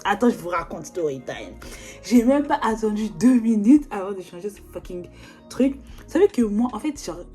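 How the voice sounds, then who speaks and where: A woman's voice: medium pitch, mellow. A young woman, chatting casually as a vlogger, slangy and full of fillers, recorded on a phone or video call. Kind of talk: casual chat.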